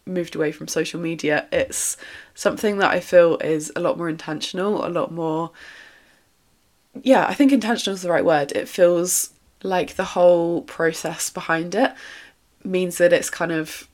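A woman's voice: lowish voice, moderate pace. A woman, chatting casually and upbeat as the host of her own solo podcast, with a lingering cough in her throat. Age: 20s. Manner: chatty, upbeat, lots of fillers and little laughs.

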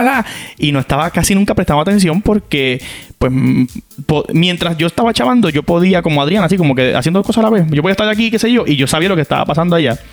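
Puerto Rican man, comic storyteller, lively pitch, slightly high voice. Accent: Puerto Rican Spanish. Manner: animated, playful, acts out characters.

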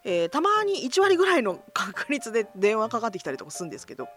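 A woman's voice: fairly high pitch, sing-song, quick pace, a bit bright, soft background music. A middle-aged woman hosting a casual solo radio-style talk, self-deprecating and joking, mixing polite forms with slang. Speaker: host of a solo voice blog.

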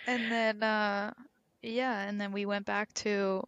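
A young woman casually telling a story on a podcast, animated and full of fillers. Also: medium pitch, clean tone, no room sound. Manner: animated, filler-heavy storytelling with quick bursts. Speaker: podcast co-host.

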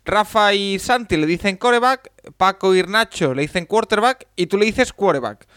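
A man's voice: sits high, animated, normal speed, no echo, studio quality. A man hosting a football podcast, introducing guests and reading listener questions in casual chat. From Spain. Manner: bright, clear, introduces and reads listener questions. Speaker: podcast host.

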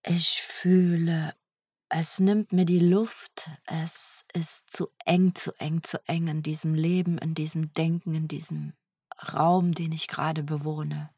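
A woman speaking softly in an introspective self-dialogue, searching for words and often sinking into a whisper. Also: low voice, little pitch movement, takes it slowly, slightly rough, no room sound, studio quality. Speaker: energy healer.

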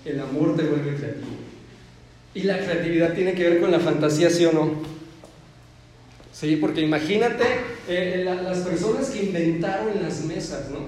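In an echoey hall, a man with a Mexican accent, a therapist and speaker, delivers a motivational lecture in a playful, joking way, acting out little voices as he explains. His voice is fairly high with a darkish tone, at a moderate pace, with slight background noise.

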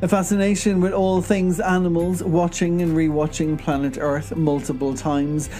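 Man, poetry host, higher-pitched mellow voice, scripted introduction, faint music behind. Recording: music under the voice.

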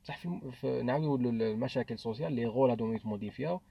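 Fast-talking Algerian man, husky and dark. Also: medium pitch, dry recording, dull audio. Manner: mixes French into Arabic, thinks aloud with restarts. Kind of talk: casual discussion.

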